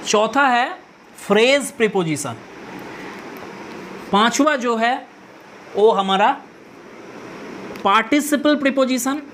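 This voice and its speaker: Slow, deliberate woman teaching grammar. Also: fairly high pitch, a little hiss or hum. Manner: slow, deliberate, repeats key terms. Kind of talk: explanatory lesson.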